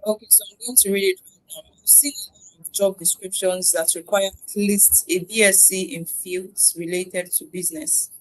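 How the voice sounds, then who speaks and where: A woman's voice: medium pitch, expressive, normal speed, low-quality recording. A woman moderating a live online session, reading audience questions aloud with some hesitation. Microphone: video call.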